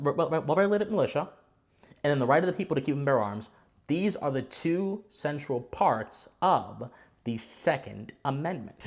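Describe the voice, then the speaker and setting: A man hosting a commentary channel, explaining to viewers in a didactic, formally worded way with emphatic stress on key words. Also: medium pitch. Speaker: host of a political commentary channel.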